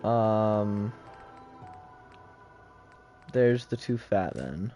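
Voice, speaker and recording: A man's voice: lowish voice, lively intonation, drawn-out words, dark tone, faint music behind. A man streaming a video game live, who chats loosely to himself and swears as he sorts his gear. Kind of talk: casual gameplay commentary.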